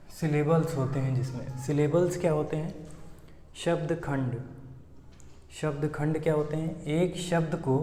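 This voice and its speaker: A man's voice: a little high, mellow, slight background noise. A man teaching English grammar in a patient way, asking questions and answering them himself. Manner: slow, patient, asks then answers his own questions. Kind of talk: explaining a lesson. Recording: echoey room with long reverb.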